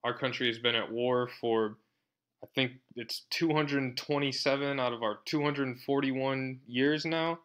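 A man gives a university lecture unhurriedly in a mid-range, slightly bright voice with fairly even intonation. His style is conversational and sarcastic, and he often checks in with "right?"

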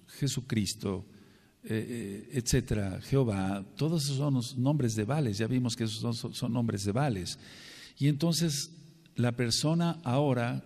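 A congregation leader with a Mexican Spanish accent gives an earnest, sermon-style Bible lesson in a large hall. His voice is medium-pitched with a darkish tone, and he repeats and spells out words to stress them.

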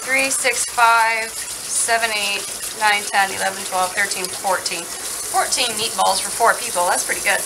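This woman is a home cooking vlogger, casually and playfully talking to herself as she cooks indoors. Her pitch is medium and her pace measured, with the clatter and sizzle of a noisy kitchen behind her.

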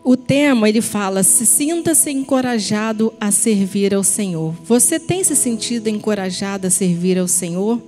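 A woman in her thirties preaching a sermon from a church pulpit into a handheld mic, earnest and deliberate, addressing the listeners as brothers and sisters. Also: medium pitch, expressive, dark tone, faint music behind. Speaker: ministry team member preaching. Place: church stage at a pulpit, indoors.

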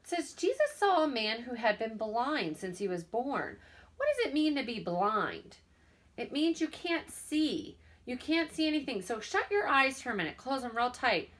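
A woman teaching young children from home, speaking slowly and clearly, sounding out words and encouraging them. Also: fairly high pitch, very animated, fairly bright tone. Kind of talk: remote lesson for young children.

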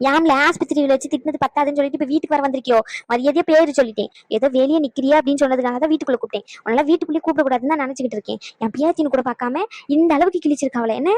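Woman voicing a fiery old cartoon granny, high voice, rattles off scoldings super fast, dry sound. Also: a little mellow, no room sound, close to an everyday voice. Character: sharp-tongued elderly village grandmother. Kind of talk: cartoon voice acting.

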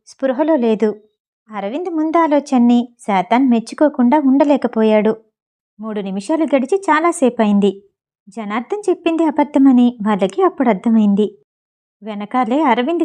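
Brief: woman audiobook narrator, fairly high voice, warm and mellow, steady storytelling. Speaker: audiobook reader. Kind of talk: scripted novel narration.

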